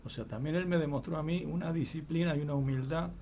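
A man's voice: fairly high pitch, steady tone, quick pace, mellow, highs cut off, a little hiss or hum. A man, a guitarist and composer speaking in a radio interview and telling in detail how his duo works.

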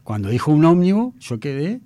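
A man's voice: fairly high pitch, sing-song, a little fast, dark tone, dry recording. A man in his fifties with a Uruguayan accent, a guest telling stories from his childhood in a talk-show interview. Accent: Uruguayan Spanish. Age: 50s. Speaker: guest, mentalist.

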